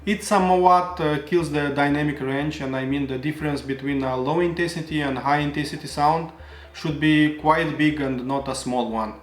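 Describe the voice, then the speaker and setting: Male gear reviewer, slightly higher voice, earnest explainer, echoey room. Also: normal speed. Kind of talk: product review narration. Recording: roomy echo.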